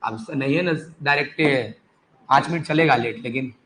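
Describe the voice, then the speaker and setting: A man's voice: medium pitch, normal speed, slight background noise, low-quality recording. A young man teaching a chemistry class, coaxing and urging his students to listen and write along. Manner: animated, coaxing students, repeated calls to listen. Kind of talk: classroom lecture.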